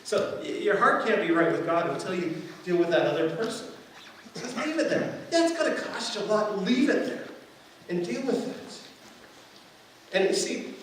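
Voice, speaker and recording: A man's voice: high-pitched, a bit bright. A man preaching a sermon as pastor, talking in a conversational, self-deprecating way and often restarting his words. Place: church sanctuary. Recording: echoey room, distant mic, faint hiss.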